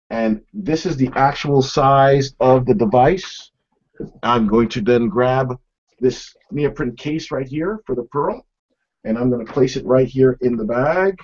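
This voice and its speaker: A middle-aged man with a medium-pitched, darkish, slightly breathy voice runs an informal product demonstration, talking conversationally to viewers. He is indoors in a small office room, and the webcam stream audio is dull and lo-fi.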